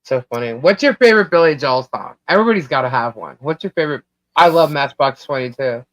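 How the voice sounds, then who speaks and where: A woman's voice: extremely low pitch, animated, fast, no room sound. A woman from Long Island hosting a live stream in casual chat, rambling and laughing, her voice cutting out over a bad internet connection. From Long Island, New York. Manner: chatty, rambling, laughs often. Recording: dull, dry, lo-fi stream audio.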